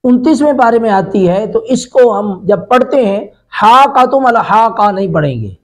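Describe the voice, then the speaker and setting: A man with a Pakistani Urdu accent teaching a tajweed lesson online, drilling syllables slowly and then explaining in quick bursts. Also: high voice, lively intonation. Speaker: Quran recitation teacher.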